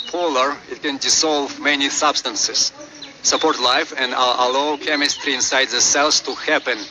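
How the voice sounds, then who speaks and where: A man with a Slavic accent reading out a lesson as presenter, haltingly, often repeating and correcting his words. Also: mid-range voice, noisy background. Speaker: presenter of a chemistry refresher. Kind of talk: lesson read from on-screen script with asides.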